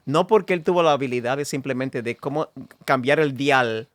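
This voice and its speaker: A man's voice: mid-range voice, normal speed, no room sound. Affirming co-host man, dry sound. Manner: affirming, chiming in with agreement.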